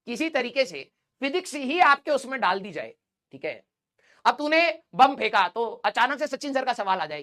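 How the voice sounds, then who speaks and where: A man's voice: very high voice, pushed and bright. A male physics teacher joking and teasing his students in a live online class, laughing often and dropping English physics terms into casual talk.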